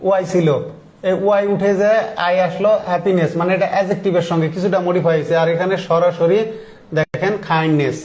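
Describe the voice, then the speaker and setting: A male teacher with a high voice explains word forms to his class step by step. He stops often to put questions to the students. The recording sounds dull and lo-fi. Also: darkish tone. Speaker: English teacher. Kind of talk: classroom grammar lesson.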